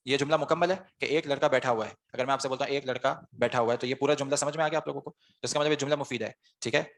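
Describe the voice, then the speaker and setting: A man's voice: mid-range voice, fairly even intonation. A man teaching an online Arabic grammar class, explaining step by step and putting questions to the students before answering them himself.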